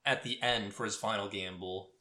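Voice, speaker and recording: A man's voice: fairly low pitch, fairly even intonation, moderate pace, pushed and bright, roomy sound. A young man on a podcast who fills in plot details of an anime and adds short agreements. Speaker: podcast co-host. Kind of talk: casual chat recapping an anime.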